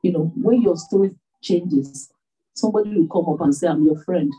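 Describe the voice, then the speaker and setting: A woman's voice: on the low side, moderate pace, dark tone, slightly rough, recorded from a distance, faint music behind, rough recording. A woman preaching a sermon, full of rhetorical questions and repeated phrases.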